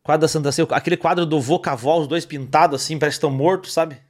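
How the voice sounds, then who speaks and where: A man with a high, bright-sounding voice tells funny stories in a relaxed interview. He talks in animated bursts, full of energy. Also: very fast. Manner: animated storytelling, lively. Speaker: comedian guest. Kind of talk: casual interview chat.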